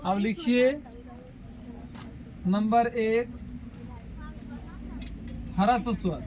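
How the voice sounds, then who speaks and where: A woman teaching a grammar lesson, dictating slowly and repeating each phrase, often asking the class to say key terms back to her. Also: on the high side, background noise. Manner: slow, repetitive, asks the class to echo key words back.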